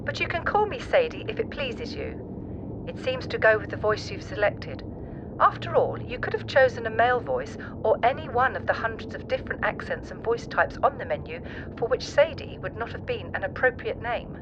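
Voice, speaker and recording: Woman doing a silky smooth robotic sat-nav lady, cool and literal, kinda high, swoopy, a bit muffled. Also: normal speed, background noise. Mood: calm. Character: calm, precise female sat-nav computer. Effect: smooth, even machine-like device voice. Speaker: car navigation voice.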